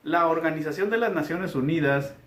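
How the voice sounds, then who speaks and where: A man's voice: on the high side, fairly quick, fairly bright tone. A male teacher, reading aloud to young pupils in a patient, guiding way. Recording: echoey room.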